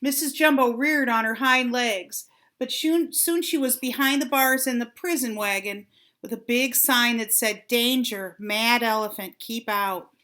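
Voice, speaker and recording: Older woman, grandmother, storybook reading, bright voice, higher pitch, deliberate dramatic phrasing. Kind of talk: expressive children's storybook reading.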